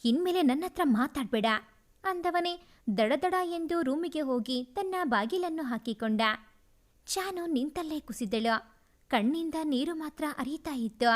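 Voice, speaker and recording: A woman's voice: sits high, animated, measured pace. A woman narrating a dramatic family love story in a storytelling style.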